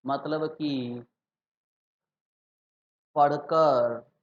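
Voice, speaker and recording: Teacher with a lilt. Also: male voice, a little high, steady tone. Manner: mixes English and Hindi, slows for key terms; rhetorical questions to students. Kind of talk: exam-prep lecture. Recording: dull lo-fi sound.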